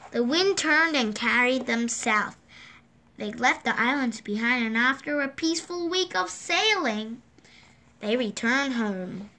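Filmed from above by a phone or camera, a woman reads a children's picture book laid out on a table indoors. Her voice is a little high with lively intonation, her pace gentle and unhurried, and she raises it for the characters' lines.

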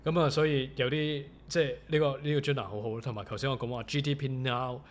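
A man's voice: medium pitch, steady tone, quick pace. Enthusiastic Hong Kong co-host man. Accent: Hong Kong Cantonese. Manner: enthusiastic, self-described geek. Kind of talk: casual chat.

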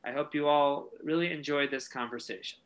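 A man reading a scripted guest introduction for a podcast, smoothly. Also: on the high side, a little fast, a bit bright, poor audio.

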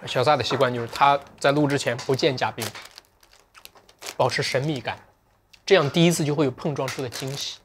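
Livestream host, male, mid-pitched, musing and wry, unhurried talk over faint background hiss. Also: steady tone. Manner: reflective, joking, drifts into slow careful English. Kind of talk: casual livestream chat.

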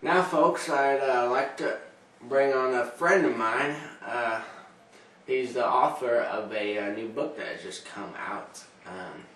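A young man hosting a homemade comedy talk show, goofy, with loud shouty bursts between mumbled asides. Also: medium pitch, slow. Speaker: host. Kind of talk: comic home-video talk show. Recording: roomy, far from camera, faint noise.

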